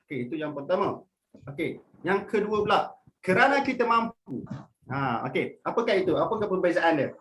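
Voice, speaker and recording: Seorang pria muda dari Malaysia yang melatih pelajar sekolah dalam webinar daring. Ia berbicara dengan lincah dan suka bercanda, lalu naik-turunkan nada untuk memberi contoh intonasi. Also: male voice, brisk, a little hiss or hum. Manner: lively, playful, switches pitch to demonstrate intonation. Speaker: public speaking trainer. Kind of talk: online workshop for students. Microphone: video call.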